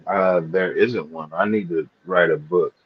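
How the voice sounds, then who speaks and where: A man's voice: low-pitched, unhurried, breathy edge. A man from Missouri talking in a casual live panel chat, rambling and loose as he tells stories. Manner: rambling storyteller, loose and profane. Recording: dull lo-fi stream audio.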